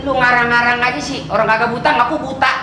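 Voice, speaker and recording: A woman's voice: a little high, fairly even intonation, quick pace, a crowd in the background, natural voice. A woman playing a bossy, mocking captor with a Jakarta Betawi accent, coarse and taunting, in a TV drama. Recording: roomy, distant, faint background noise.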